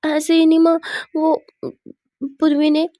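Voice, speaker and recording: A woman's voice: high-pitched, completely flat delivery, unhurried, mellow, dry recording, voice pushed up. A woman voicing Aditi, a cheeky young wife who pleads, whines and stammers when lying. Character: young woman Aditi, sulky, cheeky, complains to her mother-in-law.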